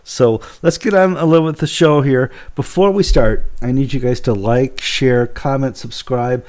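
A man hosting a show in a casual, conversational way, his voice hoarse, husky and stuffed up with a cold. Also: mid-range voice, normal speed, a little mellow. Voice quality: husky, congested. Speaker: programme host.

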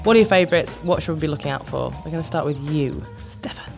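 A woman's voice: low voice, quick pace, gravelly, faint music behind. A woman hosting a podcast, upbeat and enthusiastic as she wraps up the episode and thanks her guests. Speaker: podcast host. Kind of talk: casual podcast chat.

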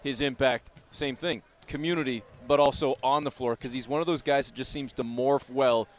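A man interviewing on sports radio. His voice is medium in pitch, and he sets up his questions in a conversational style. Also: steady tone, moderate pace.

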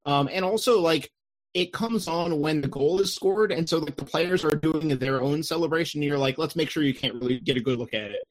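A man on a casual sports panel, speaking in a halting, dry and understated way. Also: a little high. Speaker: podcast panelist.

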